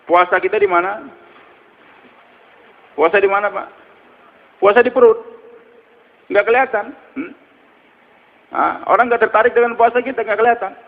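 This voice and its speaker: A man's voice: high-pitched, steady tone, moderate pace, long pauses. A man preaching a sermon. He tells stories, asks rhetorical questions and adds murmured "hmm" tags. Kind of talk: religious sermon. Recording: muffled with long hall reverb.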